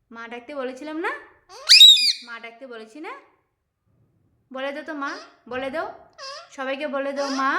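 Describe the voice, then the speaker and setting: A woman vlogger talking in a coaxing, babying tone to her pet parrots. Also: high voice. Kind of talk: casual chat. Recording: loud background noise. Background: parrot squawks.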